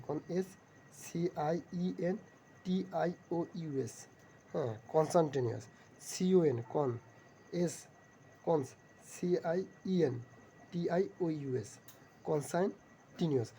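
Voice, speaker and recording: Male teacher, dark gravelly voice, slow patient spelling drills, faint noise behind. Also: on the high side. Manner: spells words slowly, repeats them many times. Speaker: vocabulary teacher. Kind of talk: spelling lesson, letter by letter.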